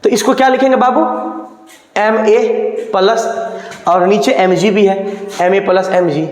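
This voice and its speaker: A man's voice: high-pitched, measured pace. A man teaching a physics lecture, coaxing his students and asking and answering his own questions. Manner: calls students "babu" and "sir". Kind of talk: classroom lecture at a board. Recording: echoey room with long reverb.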